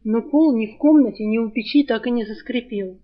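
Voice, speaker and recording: Expressive woman audiobook narrator. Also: a little high, brisk, muffled recording.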